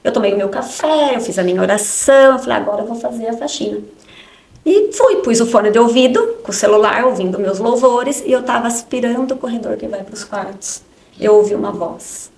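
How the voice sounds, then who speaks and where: A woman's voice: a little high, lively intonation, a little fast, a little mellow. A woman, a podcast guest giving an emotional personal testimony in short spoken phrases, often ending with a tag question. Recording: roomy echo.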